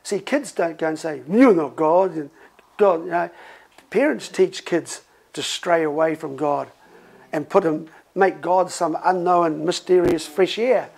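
High-pitched gravelly male pastor. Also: unhurried, poor audio. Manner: conversational, animated storytelling with laughs. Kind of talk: sermon.

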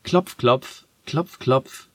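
A man's voice: fairly low pitch, very animated, normal speed, breathy edge, no room sound, heavily acted. A man voicing a spirited, curious little girl who speaks in an indignant, insistent way in a storybook reading.

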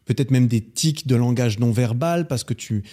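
A man's voice: medium pitch, normal speed, dark tone. A man guesting on a podcast, talking in a thoughtful, hesitant way and often restarting his sentences. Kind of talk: casual podcast chat.

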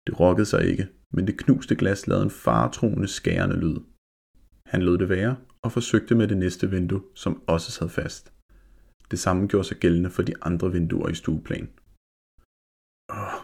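A man reading a children's ghost story aloud in a steady, measured storytelling voice. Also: sits low, creaky, slightly rough. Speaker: narrator. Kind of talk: scripted story narration.

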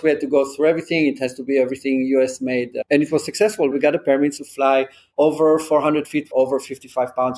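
A man's voice: mid-range voice, a little mellow. A man from Israel, a drone company founder answering interview questions in an earnest, practical way and explaining with concrete examples.

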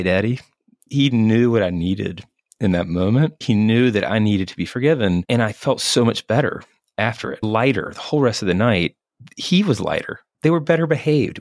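A middle-aged man, a physician guest, speaking in an earnest, thoughtful, measured way in a reflective interview. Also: fairly low pitch, no room sound, studio quality.

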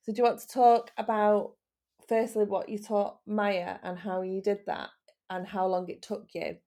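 A woman hosting a casual podcast, gently encouraging children with long, leading questions. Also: medium pitch, little pitch movement, moderate pace. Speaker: host interviewing children.

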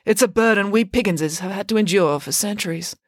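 A woman's voice: mid-range voice, brisk, dry recording, clean studio sound, pitched above the performer's own voice, natural voice. Nanny Piggins, a woman doing a vain pig nanny. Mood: grandly boastful. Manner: boastful and theatrical. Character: grand, vain, cake-loving female pig nanny.

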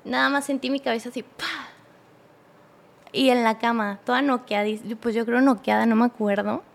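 Gravelly young Mexican woman recounting. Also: fairly high pitch, fairly even intonation. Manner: halting, with many restarts and acted-out quotes. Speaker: podcast guest. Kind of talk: casual personal storytelling.

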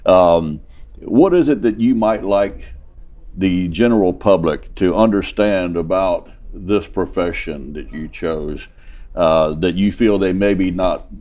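A man's voice: deep voice, slow pace, a little mellow. Folksy Southern man hosting an interview. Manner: affable, chuckling, folksy. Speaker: interview host. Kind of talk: conversational interview.

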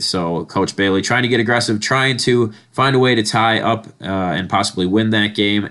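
A man's voice: deep voice, fairly bright tone. A man with a nasal voice, congested from a head cold, hosting a sports podcast with a conversational game recap.

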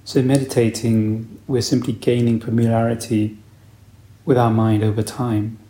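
A male meditation teacher with a medium-pitched voice guides a meditation, giving calm, unhurried, soothing instructions. The recording has a roomy sound.

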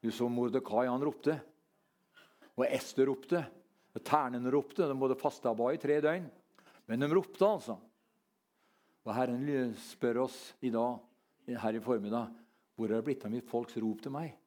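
A man preaching a sermon, rambling and halting with many fillers, then climbing into fervent, near-shouted lines. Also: mid-range voice, fairly even intonation.

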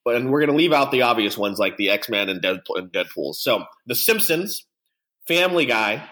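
A man's voice: mid-range voice, lively intonation, normal speed, pushed and bright. A man co-hosting a podcast in casual chat, often restarting and repeating his phrases. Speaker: podcast co-host.

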